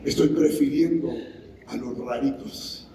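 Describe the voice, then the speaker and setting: A man with a mid-range voice preaches a little slowly over crowd noise in a church sanctuary. He invites the congregation to call back and acts out scenes from scripture; the hall is very echoey and the mic sits far off.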